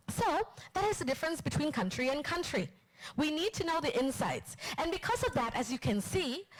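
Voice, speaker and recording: A woman from Vietnam giving a live marketing class, chatty and lively, asking the room questions. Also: sits high, low-quality recording. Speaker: marketing instructor. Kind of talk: live class lecture to an audience. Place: lecture room with audience.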